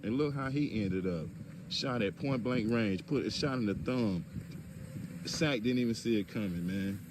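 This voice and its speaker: A man speaking calmly but pointedly in direct-address video commentary, asking rhetorical questions, with features. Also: mid-range voice, background noise. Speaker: commentator addressing a public figure.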